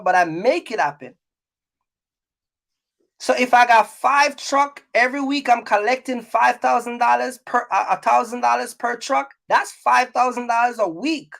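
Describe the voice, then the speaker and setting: A very high-pitched, creaky, slightly bright voice belongs to this middle-aged man, a trucking business owner and content creator. In his vlog he talks casually and emphatically, repeating himself and checking often that viewers follow.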